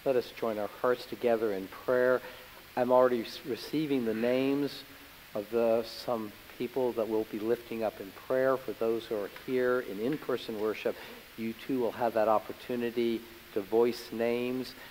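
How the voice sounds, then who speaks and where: An older man, a pastor, leading his congregation in prayer with a calm, measured delivery, heard from the front of a large church sanctuary. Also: mid-range voice, a little hiss or hum. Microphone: far camera, standing before the lectern. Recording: long church-hall reverb.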